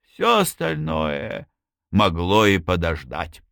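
A man reading a novel aloud as an audiobook narrator, in an expressive storytelling manner. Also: fairly low pitch, takes it slowly, creaky, dry recording, clean studio sound. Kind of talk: scripted narration.

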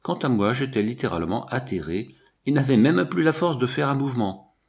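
A man reading an adventure novel aloud as an audiobook narrator, in an expressive, dramatic way. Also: mid-range voice, a little fast, creaky.

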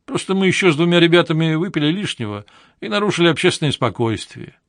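A man's voice: a little high, animated, quick pace, no room sound, pitched above the performer's own voice. A shy, polite young man who talks modestly and a bit bashfully, as a male narrator reads him. The sound is dry and close.

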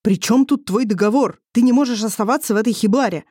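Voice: mid-range voice, quick pace, darkish tone, no echo, clean studio sound, voice pushed up, close to an everyday voice. A reader voicing an angry, proud young husband who snaps and growls indignantly. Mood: sarcastic angry.

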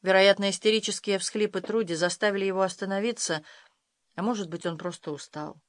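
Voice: mid-range voice, fairly even intonation, fairly quick, no room sound. A narrator reading a first-person audiobook with dramatic, emotional delivery.

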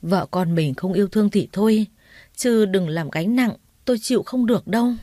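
Woman doing upset older mom scolding fast and wailing, mellow voice, dry close sound. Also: mid-range voice, no echo, natural voice. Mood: distraught scolding. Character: frugal older mother, distraught and scolding.

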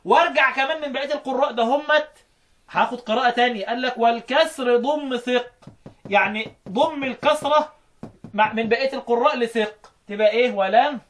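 With an extremely high, slightly bright voice, a man speaking in an Egyptian Arabic accent leads a Quran recitation lesson. He chants lines of verse slowly, then moves quickly into explanation and quizzes his students.

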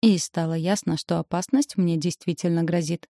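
A woman narrating a fantasy novel in the first person, with an even storytelling manner. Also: fairly low pitch, normal speed, no room sound, clean studio sound. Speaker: audiobook narrator.

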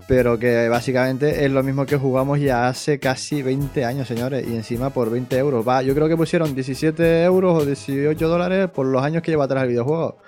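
A man's voice: medium pitch, a little mellow. A man with an accent from Spain giving casual video game commentary as a podcast panelist.

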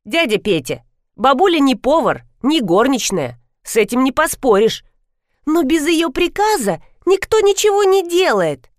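A woman's voice: high voice, very animated, measured pace, no echo, clean studio sound, pitched above the performer's own voice. A woman reading an audiobook, voicing a cheeky, mocking teenage girl in a raised, sassy voice. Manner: sassy, sarcastic. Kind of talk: audiobook character voice.

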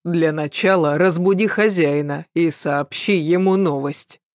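A woman voicing a sly young male apprentice in an audiobook, speaking in a slow, measured, guarded way. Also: low-pitched, darkish tone, no echo, studio quality. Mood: wary.

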